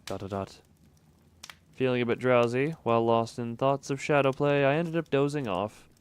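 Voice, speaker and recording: Reading a visual novel's narration aloud on stream, a man keeps an even delivery at normal speed and stops now and then for offhand remarks and small laughs. His voice is mid-range with a clean tone.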